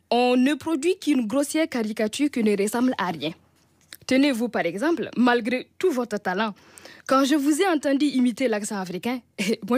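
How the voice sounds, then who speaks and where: A woman's voice: fairly high pitch, dry recording, clean studio sound. A woman with a Burkinabè accent reading a humorous radio column in a wry, teasing way, chuckling often. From Burkina Faso.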